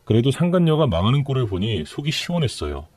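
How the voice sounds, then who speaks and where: A man narrating a dramatic true-life story for radio, calm and matter-of-fact. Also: medium pitch, fast talker, no echo.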